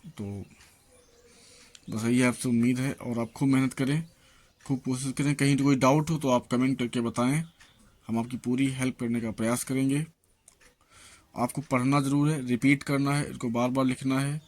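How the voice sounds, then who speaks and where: धीमे-धीमे शब्द गिनाता पुरुष शिक्षक. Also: male voice, medium pitch, level tone, a little mellow. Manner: slow, listing words one by one; encouraging address to viewers. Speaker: English teacher. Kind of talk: reading out a pronunciation lesson.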